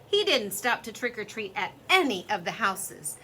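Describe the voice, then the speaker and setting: A woman reading a children's story aloud in an expressive, lively storytelling way. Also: medium pitch, moderate pace, slight background noise.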